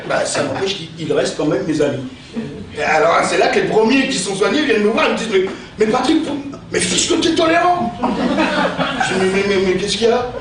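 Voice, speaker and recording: Hammy high-voiced man in an echoey hall. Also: quick pace. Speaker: sketch comedian on stage. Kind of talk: theatrical stand-up monologue with verse tirade. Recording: echoey hall, distant mic, noisy.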